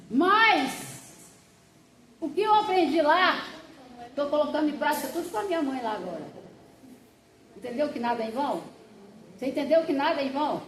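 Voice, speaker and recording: A woman pastor teaches a Bible class, talking straight to her students and acting out anecdotes as she goes. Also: high-pitched. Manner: chatty, animated storyteller who acts out quotes and addresses the class directly. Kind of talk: classroom lesson with personal anecdotes. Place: church classroom with a group of students. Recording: echoey church room with class audience.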